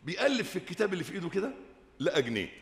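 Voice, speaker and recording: A man's voice: sits high, rapid-fire, gravelly, long reverb tail. A man with an Egyptian Arabic accent, preaching a sermon with storytelling and call-and-response with his audience. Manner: lively, calls and responses with the audience.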